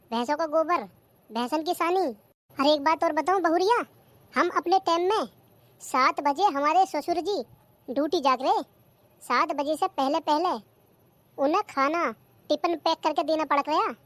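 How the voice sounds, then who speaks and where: A woman's voice: fairly bright tone, no echo. A performer voicing a bossy, nagging older mother-in-law in a cartoon comedy. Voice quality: shrill, nagging.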